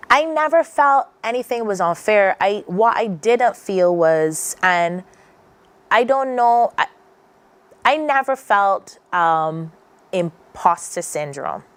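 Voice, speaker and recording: A woman from Barbados, guest on a morning TV show, talks slowly and expressively in a medium-pitched voice with no echo. Her Barbadian-accented speech is earnest and reflective, full of restarted sentences.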